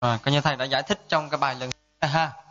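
A man's voice: medium pitch, steady tone, racing, a bit bright. A Buddhist monk teaching a dharma lesson in a conversational way, often asking his listeners to confirm. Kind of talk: dharma class lecture. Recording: dull lo-fi sound.

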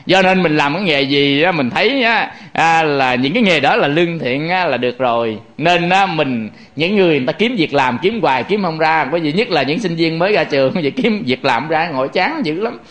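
A man's voice: fairly high pitch, lively intonation, fairly quick, few pauses, fairly bright tone. A man, a Buddhist monk giving a chatty, joking sermon to lay followers and turning to address them again and again.

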